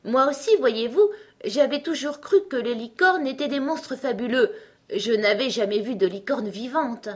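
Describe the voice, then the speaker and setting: A woman's voice: high voice, moderate pace, few pauses, voice pushed up. A woman voicing a polite, curious little girl in a storybook reading.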